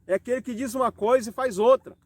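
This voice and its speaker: In a very high voice with fairly even intonation, a man preaches at a home worship service, his Brazilian Portuguese accent clear as he slowly reads scripture and raises rhetorical questions. The audio has no echo.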